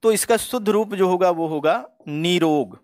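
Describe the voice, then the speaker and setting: A man's voice: high-pitched, moderate pace, dry recording, clean studio sound. A man teaching Hindi spelling for exam preparation, going word by word in a methodical, explanatory way. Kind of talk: exam-prep spelling lesson.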